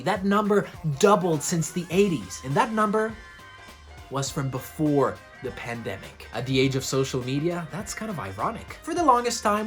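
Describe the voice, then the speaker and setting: Jokey woman hosting an explainer. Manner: jokey, with quick asides in lower voice. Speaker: host. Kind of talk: comedic explainer monologue.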